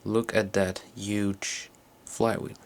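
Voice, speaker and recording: An electronics hobbyist presents a tape recorder in a casual, unscripted hands-on demo. His lowish voice is flat and slow, and he sounds hesitant, thinking aloud as he works.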